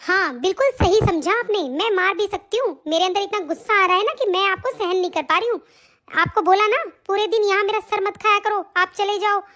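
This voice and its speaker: A bullying young daughter-in-law, played by a woman in a home-made family drama, scolding fast and threatening. Her voice is shrill and very high. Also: sharp tone. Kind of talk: hobby family-drama acting.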